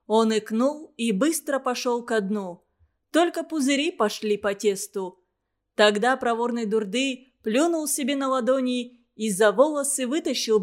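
A woman expressively narrating a folk tale aloud as a storybook reading. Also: on the high side.

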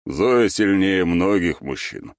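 A man voicing a calm older boss who speaks slowly and measuredly in a storybook reading. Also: deep voice, dry recording, clean studio sound, heavily acted. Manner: slow, measured.

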